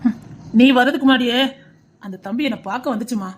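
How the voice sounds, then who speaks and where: A woman playing a quick, calm male politician. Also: fairly high pitch, slight background noise, natural voice. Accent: Tirunelveli Tamil. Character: calm middle-aged male politician, sympathetic.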